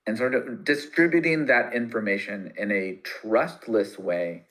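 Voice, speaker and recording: A man explaining plans on an online community call while his voice-chat audio keeps breaking up. He talks in a measured way, thinking aloud with fillers. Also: on the low side, fairly bright tone, low-quality recording. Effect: audio breaking up over a voice-chat connection. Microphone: voice chat microphone.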